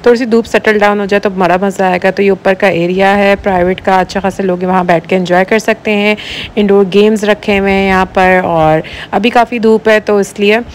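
Young woman, travel vlogger, casual voice-over, hesitant fillers, faint background noise. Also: mid-range voice. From Pakistan. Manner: chatty, relaxed, with many "uh" pauses. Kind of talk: casual travel vlog narration.

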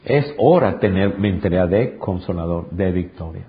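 A male pastor preaching an impassioned sermon, swinging from high, forceful peaks down to low, intimate tones. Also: animated, moderate pace. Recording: dull lo-fi sound.

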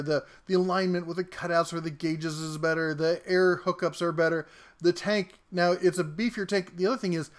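Brief: joking male tool reviewer, slightly high voice, chatty garage demo delivery. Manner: wisecracking, talks while working. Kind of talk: casual product review. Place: home workshop garage.

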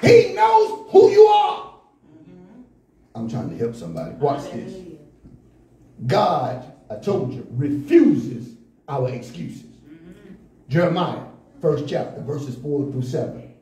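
A man preaching a sermon from the pulpit in rhythmic call-and-response style, building to shouts. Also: a little high, huge pitch swings, slow, long pauses, distant mic. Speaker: pastor. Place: church sanctuary, indoors, at a pulpit. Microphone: stand mic at the pulpit, filmed from a far camera. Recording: echoey church room, heard from afar.

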